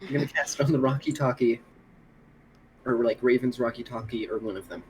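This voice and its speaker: A man playing a tabletop game, chatting casually, thinking aloud in halting, sweary phrases. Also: medium pitch, darkish tone, a little hiss or hum, poor audio.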